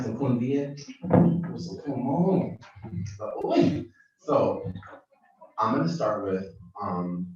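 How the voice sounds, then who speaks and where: A man from Jamaica performs spoken word poetry in an echoey room, heard from a distance. He is energetic, chatting between pieces and calling out to the crowd for replies. The sound is dull and muffled. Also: fairly low pitch. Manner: energetic, calls out to the audience for replies. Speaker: performing poet. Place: live poetry event venue.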